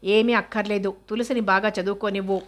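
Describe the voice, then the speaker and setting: A woman's voice: mid-range voice, fairly even intonation, brisk, natural voice. A stern, protective elder sister, young and married, as a woman reads her part. She scolds firmly and steadily, in a level voice with little rise and fall.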